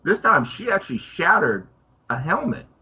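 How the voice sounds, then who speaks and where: A man's voice: a little high, big pitch swings, moderate pace, sharp tone, slightly rough, poor audio. A man co-hosting a podcast, chatting enthusiastically about a TV episode. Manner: enthusiastic, laughing. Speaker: podcast co-host. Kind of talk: casual chat.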